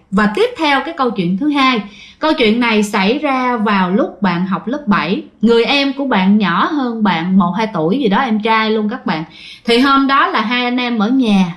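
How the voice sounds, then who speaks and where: A woman with a Southern Vietnamese accent narrating ghost stories in a chatty way, talking straight to her listeners. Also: a little high. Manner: chatty, addresses listeners directly. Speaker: storyteller.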